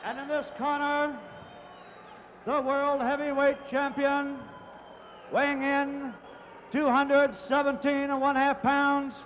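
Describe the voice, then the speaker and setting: A man announcing the fighters in formal, drawn-out calls, heard through arena loudspeakers. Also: very high voice, completely flat delivery. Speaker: ring announcer. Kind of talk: formal ring introductions. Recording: muffled old broadcast, faint noise.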